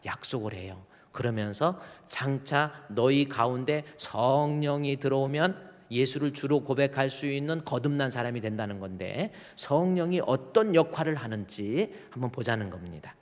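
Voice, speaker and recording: Korean pastor preaching in a reverberant hall. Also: male voice, medium pitch, lively intonation, moderate pace, few pauses. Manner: preaching with rising emphatic repetition, acting out inner voices. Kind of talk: sermon. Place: church sanctuary. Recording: long reverb of a church hall.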